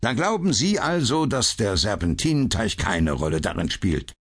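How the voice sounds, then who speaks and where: A man's voice: lowish voice, big pitch swings, moderate pace, a bit bright, husky, voice pushed up, heavily acted. A man reading an audiobook, voicing the ironic, cool detective Sherlock Holmes with a raised, mocking tone. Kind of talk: audiobook character voice.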